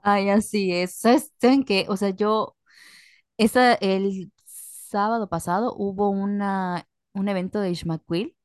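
A woman with a Yucatecan Spanish accent, sick with a cold, co-hosting a podcast in a chatty, relaxed, slangy way. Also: mid-range voice, slow pace, no echo, studio quality. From Yucatán, Mexico. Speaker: podcast co-host. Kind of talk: casual chat.

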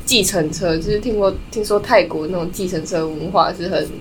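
A woman's voice: lowish voice, a little fast, slight background noise. A young woman from Taiwan in casual chat, asking questions and telling her own anecdotes. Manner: chatty, asks questions and tells anecdotes.

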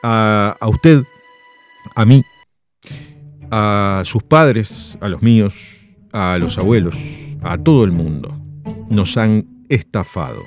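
Animated radio host. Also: male voice, fairly low pitch, takes it slowly, pauses often, faint music behind. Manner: animated storytelling, rhetorical questions. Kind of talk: radio chat and story reading.

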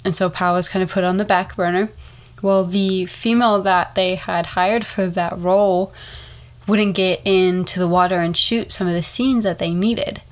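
A woman's voice: fairly low pitch, fairly even intonation, normal speed. Wheezy, stuffed-up young woman. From Texas, United States. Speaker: podcast host. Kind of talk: casual solo podcast chat.

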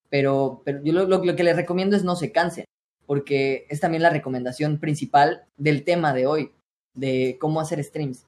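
A young Mexican man, a streamer and voice coach, talking earnestly in a casual podcast chat with many restarts. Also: on the high side. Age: young adult. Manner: earnest, advice-giving, frequent "o sea" restarts.

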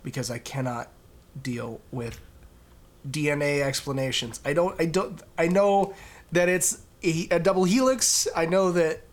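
A man's voice: on the high side, measured pace. Sarcastic man reading a post aloud. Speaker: podcast host reading a post. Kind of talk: casual podcast chat.

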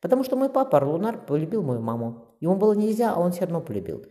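A man reading an audiobook voices a gentle young girl who talks to birds and flowers, speaking tenderly and wistfully. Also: high-pitched, big pitch swings, fast talker, voice pushed up. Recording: long reverb.

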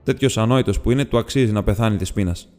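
A man's voice: fairly low pitch, a little mellow, close to an everyday voice. A man reading a blunt, suspicious bowman. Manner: blunt, gruff. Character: stern, suspicious male bowman leader. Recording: long reverb with faint music.

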